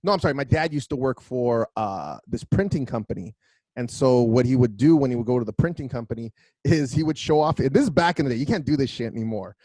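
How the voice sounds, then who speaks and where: Male comedy podcast co-host, mid pitch, profane anecdotal storyteller, close dry sound. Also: quick pace, dry recording, low-quality recording. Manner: profane, animated, acts out quoted voices.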